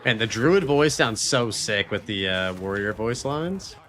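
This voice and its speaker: A man's voice: on the low side, expressive, a little slow. A man live-streaming a game and chatting casually as host, in informal gamer slang. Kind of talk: casual live-stream chat over gameplay. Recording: faint background noise. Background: quiet game sounds and voices.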